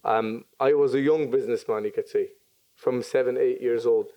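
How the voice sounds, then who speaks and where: Relaxed young man, mellow low tone. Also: normal speed. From Syria. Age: 20s. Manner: hesitant, many ums and restarts. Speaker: podcast guest, business owner. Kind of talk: casual interview chat.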